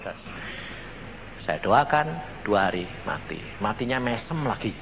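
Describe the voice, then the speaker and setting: A man's voice: lowish voice, a little slow, gravelly. A male evangelist preaching a sermon. He tells stories by acting out the dialogue and keeps turning to his listeners. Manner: animated storytelling, acting out dialogue, addressing listeners as brothers. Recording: dull lo-fi sound with faint background noise.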